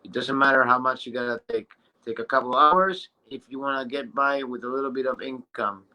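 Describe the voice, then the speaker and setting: A man in his thirties giving an excited, casual motivational testimonial, often restarting and stumbling over his words. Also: medium pitch, dull audio. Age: 30s. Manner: excited and halting, with many restarts and fillers. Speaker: business testimonial speaker.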